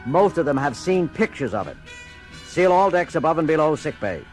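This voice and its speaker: An actor playing an exasperated, authoritative starship captain in an audio drama, giving clipped orders. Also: male voice, on the high side, sing-song, normal speed. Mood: urgent, commanding. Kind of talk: dramatic audio theater acting. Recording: music under the voice.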